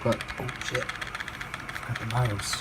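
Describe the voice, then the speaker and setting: Heavy background noise sits behind this young man's medium-pitched, level voice as he takes it slowly. Tired, he's vlogging his PC build in a rambling, off-the-cuff way, swearing a lot and making fun of himself.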